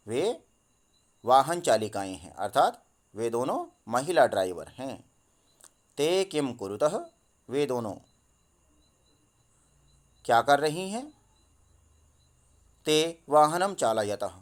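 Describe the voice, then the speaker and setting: A male teacher who reads textbook lines out loud and then explains each one, recorded on a phone. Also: medium pitch. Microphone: phone mic.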